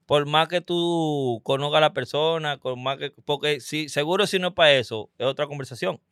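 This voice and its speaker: A man's voice: fairly high pitch, normal speed, clean tone, no room sound, studio quality. A man with a Dominican accent, a comedian guest on a podcast, talking animatedly and acting out people. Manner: animated, acts out characters. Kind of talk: casual podcast chat.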